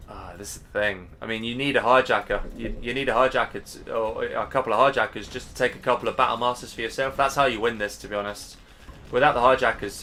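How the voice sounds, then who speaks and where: A man with a low voice casts a strategy game live, chatting casually and reasoning out loud about each move. He sounds a bit worn out. Faint game music plays underneath. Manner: chatty, casual, thinking aloud. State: tired, yawning. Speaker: game caster.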